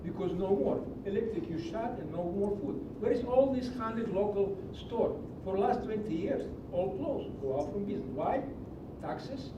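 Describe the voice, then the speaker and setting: A man's voice: lively intonation, normal speed, hardly any pauses, dull audio. A middle-aged man, speaking broken English in a passionate, preachy public comment at a county meeting. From Greece. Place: large meeting hall. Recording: echoey hall from far off with low rumble.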